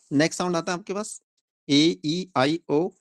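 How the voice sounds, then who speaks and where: A man's voice: on the high side, unhurried, no echo, clean studio sound. A young man teaching a phonics lesson in a classroom, explaining step by step and asking the class questions.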